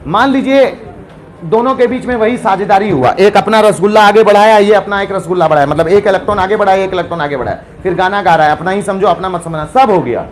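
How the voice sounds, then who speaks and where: High-voiced playful teacher. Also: male voice, fast. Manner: playful, storytelling, quizzes students. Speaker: chemistry teacher. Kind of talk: classroom lecture. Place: classroom.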